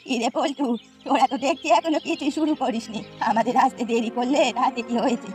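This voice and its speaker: A woman's voice: sits high, fast, darkish tone, faint music behind, lightly acted. A woman voicing a bossy, practical village woman in a cartoon. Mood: stern.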